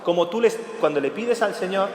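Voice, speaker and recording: A male priest preaches a homily in a fairly high voice, stacking short repeated clauses straight at the listener. He climbs to urgent, raised phrases and drops to low, hushed ones. The sound carries a long church reverb with faint background hiss. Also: animated, brisk. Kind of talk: weekday homily.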